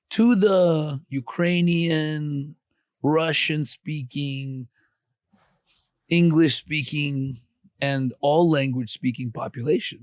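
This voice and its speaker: A man with a fairly high-pitched voice hosts a podcast interview, chatting casually and encouragingly with lots of fillers and restarts. There is no room sound.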